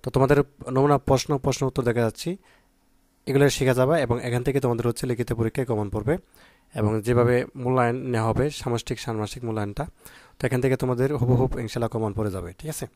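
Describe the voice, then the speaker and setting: A male teacher going through exam questions for young students, often checking "okay?" and pausing with fillers. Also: medium pitch, steady tone, darkish tone, no room sound. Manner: asks "ঠিক আছে?" often, with many "আহ" fillers. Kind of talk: exam prep lesson.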